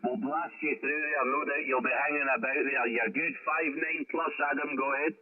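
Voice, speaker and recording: A man's voice: mid-range voice, steady tone, moderate pace, dry recording. A Scottish man running an amateur radio net with casual, matey banter over a radio transmission. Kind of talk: casual ham radio chat. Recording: tinny narrowband radio with background chatter.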